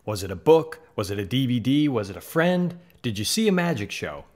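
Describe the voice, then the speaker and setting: His mid-range voice is sing-song, fairly quick and a little mellow: a man in his thirties from the American South with a Midwestern accent, hosting a magic channel. Talking casually to camera in a small home studio, he's earnest and conversational and uses his hands. A studio mic on a boom is placed in front.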